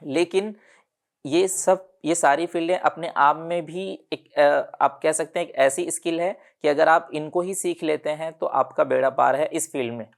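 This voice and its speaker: A man with a gravelly, creaky voice walks through a casual online lesson. He speaks at an unhurried pace, filling pauses with "uh" and correcting himself as he reads from his notes. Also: on the high side. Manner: unhurried, many "uh" fillers and self-corrections while reading from notes. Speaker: online digital marketing instructor. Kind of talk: casual tutorial explanation.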